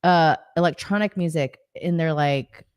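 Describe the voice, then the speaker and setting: A woman's voice: low-pitched, unhurried, a little mellow, clean tone. A woman in her thirties co-hosting a live stream, chatting casually with playful, teasing banter. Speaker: co-host.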